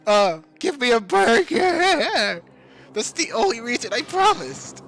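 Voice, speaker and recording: A man's voice: very high-pitched, big pitch swings, takes it slowly, vocal fry, a bit bright, pitched above the performer's own voice, full character voice. A man doing a stammering, timid girl. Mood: pleading. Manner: stammering, hesitant. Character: timid stuttering young woman, nervous. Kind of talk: amateur fan dub of a game.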